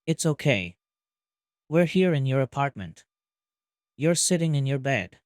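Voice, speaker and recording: Man reading a big soft-spoken uncle figure, low rough voice, gentle, middle-pitched, dry close sound, storybook. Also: very animated, a little slow, no echo. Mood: soothing.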